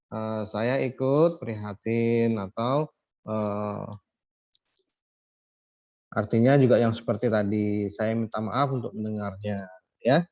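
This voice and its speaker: A man's voice: mid-range voice, a little mellow. A man teaching an online English lesson to children, explaining patiently and checking often that the class follows. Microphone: video call. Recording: dull lo-fi video call audio.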